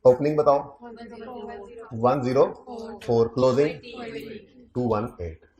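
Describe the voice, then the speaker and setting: A man's voice: medium pitch, takes it slowly, dull audio, a crowd in the background. A man giving an accounting lecture, quizzing students on figures and adding teasing asides. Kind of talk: classroom lecture.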